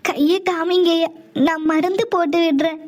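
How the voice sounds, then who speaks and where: A woman voicing a loyal young servant woman in a cartoon, tearfully apologizing in a very high voice. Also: steady tone, moderate pace, darkish tone, soft background music. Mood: tearful pleading. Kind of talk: cartoon voice acting.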